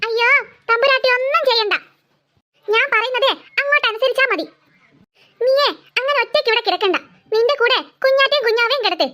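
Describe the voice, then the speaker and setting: A woman's voice: very high-pitched, a little fast, sharp tone. A woman voicing a stern, sarcastic middle-aged mother in a cartoon, scolding her daughter. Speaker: cartoon voice actor. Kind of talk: cartoon dialogue acting.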